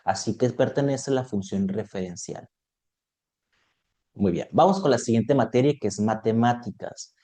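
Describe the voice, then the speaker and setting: Guy tutoring online, mellow warm tone, walks thru topics n keeps checking u follow. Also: lowish voice, normal speed. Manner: explains step by step, checks in with "¿de acuerdo?". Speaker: exam prep tutor. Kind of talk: online lesson.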